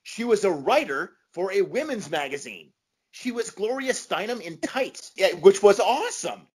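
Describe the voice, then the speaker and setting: A man's voice: high-pitched, sing-song, moderate pace, breathy edge. A man speaking informally as an expert podcast guest, explaining with emphasis and often checking in with a questioning tag. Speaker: podcast guest, comics scholar and author. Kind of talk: informal explanatory interview talk.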